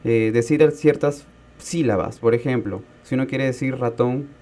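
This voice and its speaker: Man calmly explaining speech disorders. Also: mid-range voice, moderate pace. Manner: patient, explains with spoken examples. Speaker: speech therapy specialist guest. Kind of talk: explanatory radio talk.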